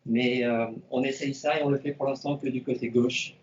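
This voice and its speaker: A karate instructor teaching an online class to camera, giving slow, repetitive cues and counting out the moves. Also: male voice, medium pitch, fairly even intonation, a little hiss or hum. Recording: roomy, distant, dull sound.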